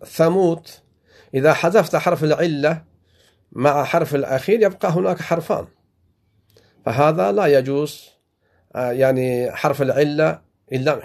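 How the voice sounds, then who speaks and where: A man's voice: fairly high pitch, gravelly, a little mellow. Man teaching grammar with patient, repeated examples. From Afghanistan. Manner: explains step by step, repeats examples, fillers. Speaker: sheikh teaching Arabic grammar. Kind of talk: classroom grammar lesson.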